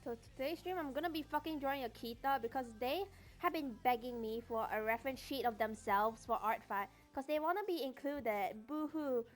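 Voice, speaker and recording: Young woman streamer, fairly high voice, playful and teasing, casual chat over music. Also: brisk. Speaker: art livestreamer. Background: background music.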